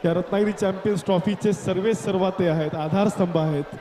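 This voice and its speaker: Man, echoey sound, crowd noise, Marathi Indian accent, emphatic excited cricket announcing. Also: high-pitched, a little fast. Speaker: cricket commentator and event announcer. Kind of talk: live cricket commentary and stage announcing. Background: cheering crowd.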